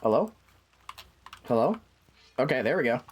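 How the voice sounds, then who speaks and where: Male game streamer, average pitch, casual and sweary, thinking aloud in muttered asides. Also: very animated, moderate pace, slight background noise. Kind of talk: casual livestream chat.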